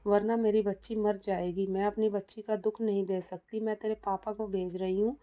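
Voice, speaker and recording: A woman's voice: mid-range voice, flat delivery, normal speed, warm tone, close to an everyday voice. A woman voicing a doting, protective middle-aged mother who soothes and bristles, in a dull lo-fi recording. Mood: indignant. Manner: soothing, indignant.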